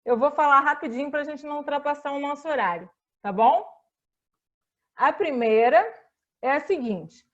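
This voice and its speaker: A woman's voice: sits high, normal speed, long pauses, lo-fi sound. A Brazilian woman librarian moderating an online panel, speaking earnestly and tagging her sentences with questions. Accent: Brazilian Portuguese. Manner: earnest, repeats "né?" often.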